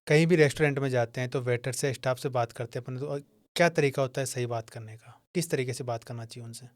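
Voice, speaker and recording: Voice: medium pitch, fast, no room sound. An interview host asking short, direct questions and murmuring agreement while listening.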